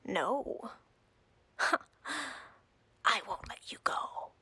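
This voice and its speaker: In a roleplay audio, a woman plays a drider queen who is imperious and coldly flirtatious, speaking in a breathy, whispery way, haughty and deliberate with playful menace. Her tone is bright and forceful, her mood possessive and playful. The recording is dry.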